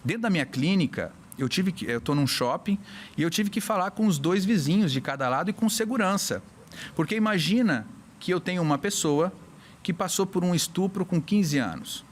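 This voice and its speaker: A man from Brazil, a hypnotherapist on a casual podcast, explaining with lively little acted-out scenes. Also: high voice, normal speed, slight background noise. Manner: animated, acts out little scenes with voices. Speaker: hypnotherapist guest.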